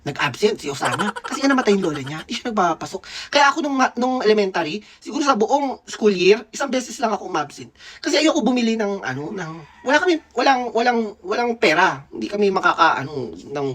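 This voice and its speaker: A man's voice: high voice, sing-song, quick pace, fairly bright tone. A man in his thirties from the Philippines, a dentist telling a school memory in casual, playful, gossipy storytelling. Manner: gossipy, playful, laughs often. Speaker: dentist vlogger.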